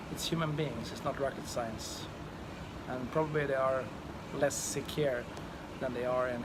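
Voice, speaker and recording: A man with a Swedish accent giving a casual, rambling vlog update in a halting, hesitant way. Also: medium pitch. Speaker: vlogger. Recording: loud outdoor ambient noise.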